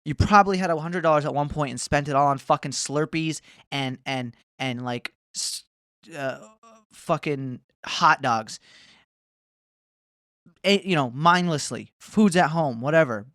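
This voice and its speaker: A vlogger in his twenties rants casually to camera, swearing often and drifting between mocking asides. His voice is a little high and a bit bright at a measured pace, recorded with studio quality and no echo.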